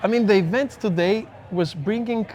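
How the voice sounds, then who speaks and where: A Greek-accented man, a neuroscientist appearing as a guest on a casual podcast, speaks earnestly and reflectively, explaining his points through examples. His voice sits high, his pace is moderate, and his tone is darkish.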